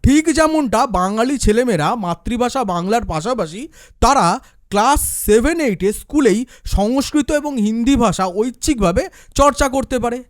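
A man with a strikingly high voice delivers a forceful political commentary. He argues his case through rhetorical questions and answers them himself. The recording is close and dry, with no room sound. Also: expressive, moderate pace, no echo. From West Bengal, India. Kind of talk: opinion commentary monologue.

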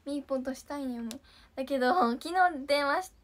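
A young woman with a bright, high-pitched voice. She chats casually and giggles often, reacting to viewer comments with quick, bubbly surprise. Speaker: idol livestream host. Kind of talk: casual livestream chat reading viewer comments.

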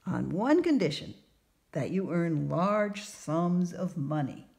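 A woman voicing a sly, smooth-talking male fortune teller who makes confident, drawn-out pronouncements in a storybook reading. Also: fairly low pitch, very animated, a little mellow, exaggerated voice. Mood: solemn.

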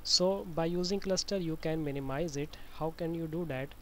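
A man explains software step by step in an informal, halting, repetitive tutorial style. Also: a little high. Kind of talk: informal screen-recorded tutorial. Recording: noisy amateur screencast voice-over.

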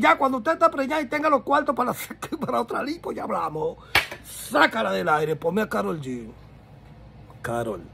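A man's voice: fairly high pitch, vocal fry, fairly bright tone, slight background noise. A man hosting a celebrity gossip show, talking in a flamboyant, theatrical way straight to his audience.

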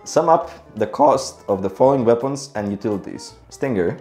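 A man's voice: medium pitch, expressive, normal speed. A man in his twenties casually hosting a quiz, reading questions aloud. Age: 20s. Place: small bathroom, seated in a chair. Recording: echoey bathroom, music behind.

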